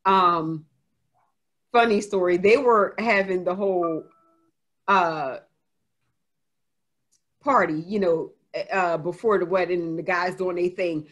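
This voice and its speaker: A woman's voice: fairly low pitch, takes it slowly, long pauses, fairly bright tone. A woman author answering reader questions in a casual Q&A, telling a personal story candidly with frequent laughter. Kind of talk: casual live Q&A.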